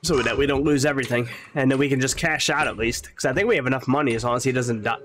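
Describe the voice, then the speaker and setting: A man's voice: medium pitch, fairly even intonation, fast talker, fairly bright tone, slight background noise. A man streaming a video game, chatting casually and hopefully while he plays. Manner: chatty, hopeful, repeats himself. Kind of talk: casual gaming chat.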